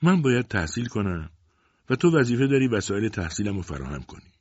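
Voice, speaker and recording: A man's voice: fairly low pitch, very animated, a little mellow, breathy edge, dry recording, highs cut off. A man voicing a young man who pleads earnestly and insistently with his father in an audiobook.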